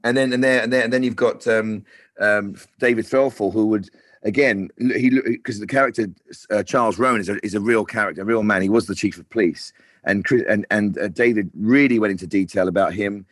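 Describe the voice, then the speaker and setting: A man in a casual interview talks at length about directing, his voice sitting a touch low. He rambles and restarts often. The sound is close and dry. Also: fairly even intonation, fairly quick, fairly bright tone, dry recording. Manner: rambling, many restarts and fillers.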